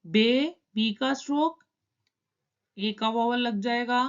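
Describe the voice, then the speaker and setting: A woman teaching shorthand in a calm, step-by-step tutorial, explaining each stroke and vowel in turn. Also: fairly high pitch, slow, muffled recording.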